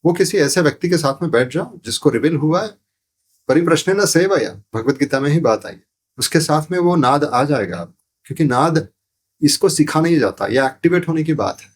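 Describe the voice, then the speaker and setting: Here a man with a fairly high, slightly rough voice talks at a normal speed, his intonation lively. As a guest on a podcast, the sound therapy teacher explains spiritual matters in a lecturing style, full of repeated phrases and rhetorical questions.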